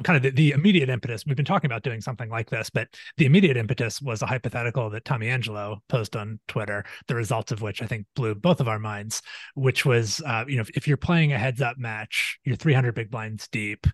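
A man's voice: medium pitch, no echo. A man hosting a podcast, talking through strategy analytically with many fillers and restarts. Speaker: podcast host. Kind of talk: casual strategy discussion.

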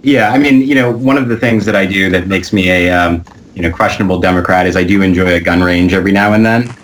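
Very deep-voiced man chatting. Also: quick pace, slight background noise. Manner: relaxed, a few fillers. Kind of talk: casual chat.

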